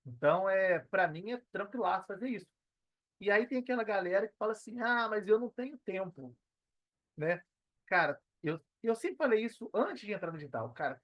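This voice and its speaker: Guesting on a podcast, a thirty-something Brazilian personal trainer and affiliate marketer speaks conversationally, frequently tossing in slangy tags to check you agree. His voice is high, with no room sound in a muffled recording.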